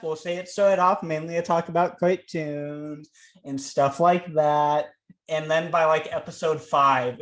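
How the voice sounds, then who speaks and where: A man's voice: fairly high pitch, a bit bright. A young man co-hosting a casual podcast, trading dry, teasing banter with his friend. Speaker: podcast co-host. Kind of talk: casual chat.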